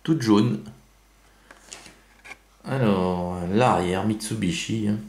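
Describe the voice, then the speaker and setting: A man talks through an unboxing of toy cars at an unhurried pace, stopping often with fillers and correcting himself. His voice sits low and has a gravelly edge. The room around him sounds echoey. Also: darkish tone. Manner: slow, chatty, with many fillers and self-corrections. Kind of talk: casual unboxing commentary.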